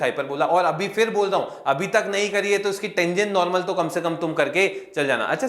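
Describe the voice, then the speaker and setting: A man's voice: a little high, a bit bright. Chatty male teacher in echoey room. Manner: chatty, addresses students as kids, repeats "clear hai kya". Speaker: exam prep teacher. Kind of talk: casual Hindi exam analysis lesson.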